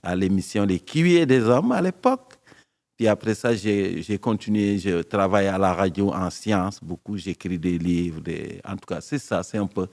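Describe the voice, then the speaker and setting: A man, a guest telling stories in a relaxed, joking way with pauses and fillers. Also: deep voice, creaky, big-room sound. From Senegal. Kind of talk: casual interview talk.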